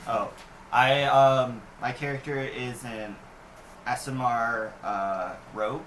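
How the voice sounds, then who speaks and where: A man's voice: mid-range voice, fairly even intonation, slow, recorded from a distance. A man talking casually as a player at a tabletop game. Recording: noisy echoey room recording.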